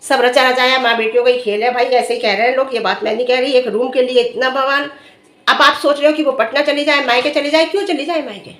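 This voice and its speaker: High-voiced woman giving scolding advice. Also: steady tone, fast talker, a bit bright, echoey room. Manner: earnest, lecturing, scolding advice with rhetorical questions. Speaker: vlogger commenting on another family's dispute. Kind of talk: direct-to-camera opinion commentary.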